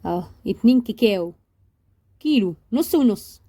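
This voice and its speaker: A woman with an Egyptian Arabic accent chats casually with viewers as a baking vlogger, cracking jokes while showing off what she bought. Her voice is fairly high, warm and expressive, at a moderate pace.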